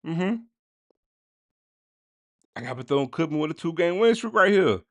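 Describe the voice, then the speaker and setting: A man hosting a casual sports podcast, talking straight to his listeners in slangy, animated bursts. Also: fairly high pitch, normal speed, no echo. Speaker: podcast host.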